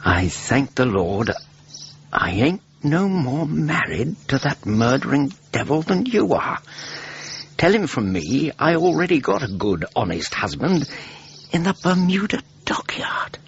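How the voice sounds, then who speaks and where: An outspoken English gentleman doctor in a radio play. His mid-pitched voice swings extremely widely. The recording is muffled and faintly noisy. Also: big pitch swings, unhurried, creaky. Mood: reading aloud, astonished. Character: Doctor Watson, forthright, emotional gentleman doctor, Holmes's companion. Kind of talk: radio drama acting.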